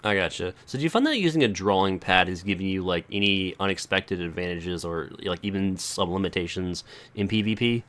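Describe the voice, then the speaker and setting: Low-voiced male interviewer, halting and filler-heavy questions. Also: expressive, a bit bright. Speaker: interviewer, author.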